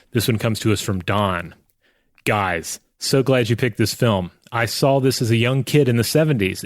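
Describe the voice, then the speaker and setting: Here a podcast co-host with a mid-range voice chats into a close microphone, and there's no room sound. He mixes informal conversation with scripted ad reads and listener mail.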